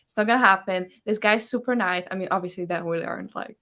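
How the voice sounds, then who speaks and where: Her voice medium in pitch, pushed and bright, this woman talks at a quick pace while hosting a book discussion over an online livestream call. She chats casually, reads out viewer comments, and frequently acts out imagined reactions.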